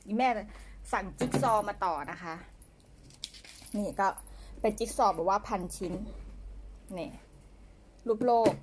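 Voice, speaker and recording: A woman's voice: mid-range voice, a little slow, long pauses, background noise. A woman chatting casually on a home live stream, coaxing and baby-talking her pets. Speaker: pet owner streaming live to fans. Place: home condo room.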